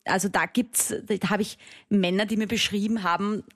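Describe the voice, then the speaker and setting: A woman's voice: medium pitch, fairly even intonation, moderate pace, dry recording, studio quality. A woman hosting a sex advice radio show, speaking frankly and reassuringly to callers. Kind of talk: advice call-in talk.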